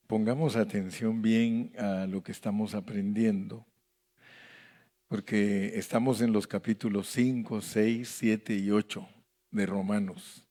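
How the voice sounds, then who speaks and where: Male pastor, Bible study teaching, slow deliberate delivery, low voice, church congregation. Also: a little mellow. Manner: slow, deliberate, reads verses aloud and asks the congregation to read.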